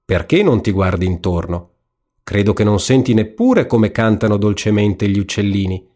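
A man voicing a sly, greedy wolf in a spoken storybook, low and coaxing. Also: expressive, normal speed, dark tone, lightly acted. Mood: scheming.

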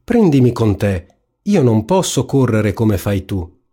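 A man's voice: on the low side, big pitch swings, a little slow, warm tone, breathy edge, full character voice. A man voicing a persistent male frog in a storybook reading, coaxing and insistent. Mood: pleading.

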